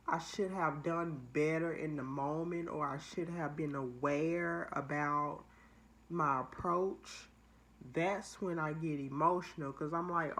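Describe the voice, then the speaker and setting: A woman's voice: low-pitched, a bit bright. A woman hosting her own channel, giving a candid, confessional motivational talk drawn from her own experience. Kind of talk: motivational personal vlog talk.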